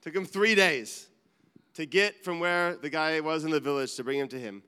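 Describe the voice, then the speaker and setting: Preaching a sermon at normal speed, this man has a clear, bright, high-pitched voice and an earnest manner. He builds to forceful high points, then drops into side remarks. His voice echoes with long reverberation, like a spacious church hall.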